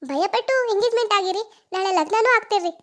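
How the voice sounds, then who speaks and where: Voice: fast talker, a bit bright. A voice actor playing a betrayed young village woman with a North Karnataka Kannada accent in a cartoon, sobbing and pleading. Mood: sobbing accusation. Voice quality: very high, sobbing pleas. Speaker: lover. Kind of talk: cartoon voice acting.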